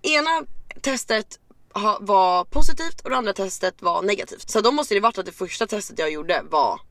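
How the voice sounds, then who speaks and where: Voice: medium pitch, expressive, pushed and bright, no room sound. A podcast co-host telling a personal story in casual chat, swearing often and acting out their own and others' lines with lots of fillers. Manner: restless, halting, filler-heavy telling.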